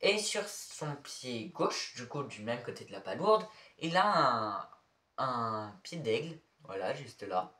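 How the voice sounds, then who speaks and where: A man's voice: mid-range voice, sing-song, takes it slowly, bright, forceful tone. A man casually showing his figurine collection to the camera, talking hesitantly with many fillers and self-corrections. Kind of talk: casual show-and-tell to camera. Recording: echoey room, mic far off.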